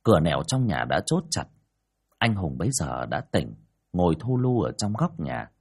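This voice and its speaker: A man tells a spoken ghost story. His voice sits low and husky, and he swings it up and down for drama. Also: big pitch swings, moderate pace. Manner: dramatic, rising and falling telling.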